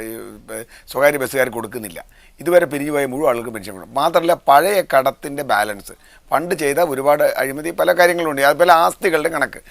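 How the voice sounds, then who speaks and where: A man's voice: medium pitch, a bit bright, no echo. A man arguing his point as a guest on a televised panel discussion. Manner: argumentative, rebutting.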